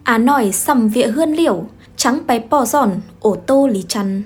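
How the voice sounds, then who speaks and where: A woman with a husky voice narrating a story in a steady telling manner. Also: a little high, normal speed, soft background music.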